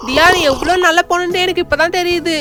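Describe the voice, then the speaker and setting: A woman's voice: extremely high pitch, fairly even intonation, fast, noisy background. A woman voicing a curious, teasing boy who is a friend in a doll show, asking lots of questions.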